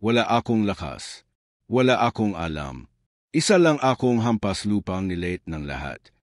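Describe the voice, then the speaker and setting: A man's voice: lowish voice, very animated, normal speed, dry recording, clean studio sound. A man voicing a troubled young village man, anguished and fearful of his own blood, in a spoken horror story. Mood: despairing.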